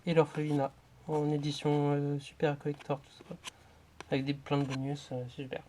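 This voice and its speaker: A man giving casual running commentary, rattling off titles with quick offhand remarks as he shows his collection. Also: fairly high pitch, monotone, mellow, slight background noise. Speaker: vlogger showing his DVD collection.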